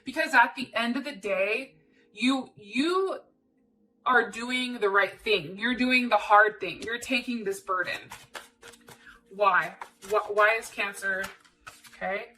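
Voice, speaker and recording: A woman gives a relaxed, outspoken tarot reading for her channel, chatting informally, cursing mildly, and repeating phrases for emphasis. She speaks slowly in a slightly high, bright, forceful voice. The recording has a distant mic plus background noise with clicks.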